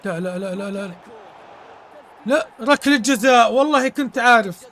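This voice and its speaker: A man's voice: very high-pitched, normal speed, pushed and bright. A man streaming a football video game, commentating live, exclaiming in bursts, repeating words and thanking his viewers. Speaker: gaming streamer.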